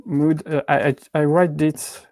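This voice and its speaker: A man's voice: on the high side, little pitch movement, a little slow, a little mellow, no room sound. A man in his thirties from Switzerland with a French accent, chatting casually on a livestream, hesitant with many restarts and fillers. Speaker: YouTube prop-making channel host. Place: indoors at home with cats.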